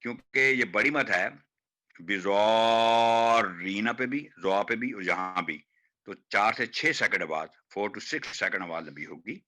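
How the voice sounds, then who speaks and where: A man teaching Quran recitation, demonstrating hard words slowly and repeating each one. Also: on the low side, lively intonation, bright, forceful tone. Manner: slow, drawn-out demonstration of each word, repeated. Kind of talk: online pronunciation class.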